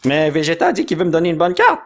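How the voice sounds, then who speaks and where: Excitable man with lively pitch. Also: very fast. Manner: excitable, sprinkles English slang, reads card names aloud. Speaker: YouTuber opening card packs. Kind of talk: casual unboxing commentary.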